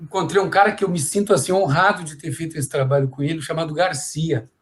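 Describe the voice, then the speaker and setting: A man's voice: on the high side, fast. A middle-aged man, a puppeteer and voice actor, telling anecdotes on a panel and acting out the voices of people he quotes. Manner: lively storyteller who acts out quoted voices, frequent "né?".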